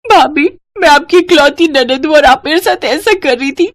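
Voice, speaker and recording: A woman playing a shrill, scheming sister-in-law. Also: lively intonation, moderate pace, no echo. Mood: indignant. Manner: shrill, accusing, dramatic. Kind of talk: storybook voice acting.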